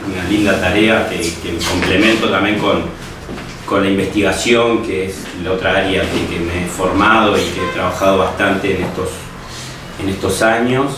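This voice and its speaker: A young man speaks in a deep, steady voice at a moderate pace, with a Uruguayan Spanish accent. He studies and teaches history, and in this personal interview he reflects aloud, often restarting and adding tag questions. The room is echoey, the mic sits far away, and there's faint noise.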